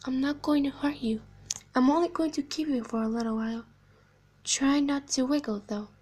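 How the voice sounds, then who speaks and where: With slight background noise, a woman amateur voice actor lightly acts an eerie animatronic clown girl from a video game in a high, girlish pitch. Her monologue is hushed and menacing, slow and deliberate storytelling that sinks into whispers, sweet but sinister, like a secret told at length.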